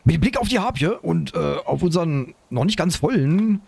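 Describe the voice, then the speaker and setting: A man commenting on his own survival game play, excitable, talking to himself and his viewers. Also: a little high, normal speed, gravelly, husky, no room sound. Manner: excitable, talks to himself and viewers, frequent exclamations. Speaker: gaming YouTuber.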